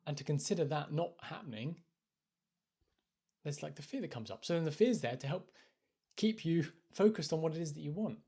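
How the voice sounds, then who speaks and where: A man's voice: fairly high pitch, expressive, brisk, pauses often, mellow, slightly rough. A British man from the UK, a life coach talking casually on a phone live stream, thoughtful and hesitant, often restarting his phrases. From United Kingdom.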